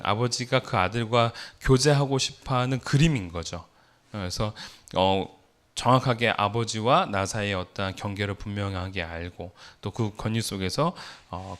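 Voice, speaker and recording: A man's voice: lowish voice, moderate pace, fairly bright tone. A middle-aged man preaching a sermon as pastor, telling a personal story and asking the congregation rhetorical questions.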